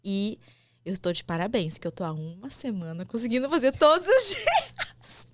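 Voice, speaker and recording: A woman with a Brazilian Portuguese accent, an actress and mother, talking candidly and softly in a casual conversation. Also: on the high side, very animated, moderate pace, no echo, studio quality.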